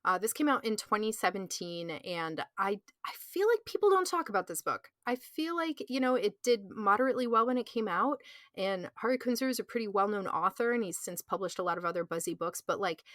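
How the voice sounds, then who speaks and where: A woman co-hosting a podcast, talking in a chatty, gushing way with many fillers. Her voice sits mid-pitch and is recorded close and dry, with almost no room sound. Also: lively intonation, a little fast, a bit bright, dry recording. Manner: enthusiastic, chatty, filler-heavy. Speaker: podcast co-host. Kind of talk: casual chat.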